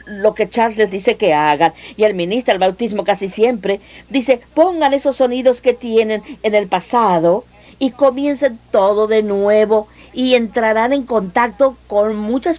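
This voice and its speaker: A woman preacher teaching an audience about speaking in tongues, lively and full of questions to the listeners. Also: medium pitch. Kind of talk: teaching at a healing seminar.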